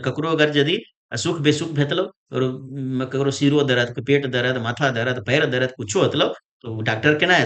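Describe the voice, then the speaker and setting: A man's voice: medium pitch, bright, forceful tone. A male teacher with a Jharkhand Khortha-inflected Hindi accent, giving an exam-prep lecture. He repeats each phrase and keeps asking "है ना?" to check that students follow.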